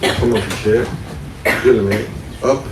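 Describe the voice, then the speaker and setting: A man from Mexico, a startup founder, giving a conference pitch talk and explaining his idea in a casual, thinking-aloud way. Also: steady tone, measured pace. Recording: roomy, distant mic, audible room noise.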